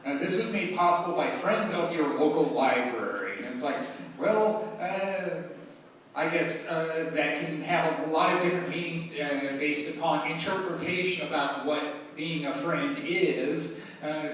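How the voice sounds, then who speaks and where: A man with an Upper Midwest American accent doing a rambling, halting spoken-word monologue at a bar open mic, full of fillers and dry asides. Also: fairly high pitch, a bit bright, slight background noise. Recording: echoey bar room, mic at a distance.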